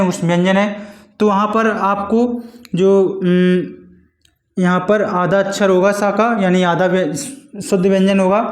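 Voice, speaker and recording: Man, grammar teacher, high voice, slow repetitive explaining, roomy echo. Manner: slow, repetitive explaining, with frequent "ठीक है" check-ins. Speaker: Hindi teacher. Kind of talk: exam-prep grammar lesson.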